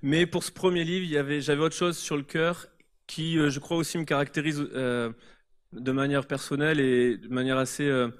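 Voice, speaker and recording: A man answers questions as a guest author during a church service. His voice is on the higher side for a man, and he explains his thoughts earnestly and reflectively in front of the congregation. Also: fairly even intonation, moderate pace. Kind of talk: live church interview.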